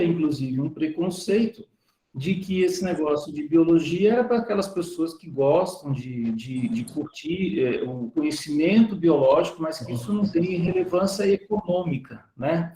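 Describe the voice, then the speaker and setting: A man's voice: fairly high pitch, expressive, normal speed, dark tone, reverberant, low-quality recording. A man who teaches biology, talking casually as the guest of an online live session and telling stories in which he acts out the voices of the people he quotes. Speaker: biology professor, guest speaker.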